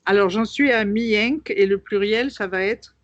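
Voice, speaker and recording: A woman learning Hungarian over a video call, chatty, asking for pauses and repeating words to check them. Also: mid-range voice. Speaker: language student. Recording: dull lo-fi call audio.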